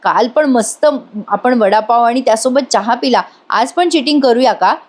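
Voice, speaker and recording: An easygoing young husband, read by a woman narrator in her own slightly high voice. He talks lightly and playfully. The delivery stays close to the reader's plain tone. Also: moderate pace, close to an everyday voice. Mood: teasing. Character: easygoing young married man, younger brother.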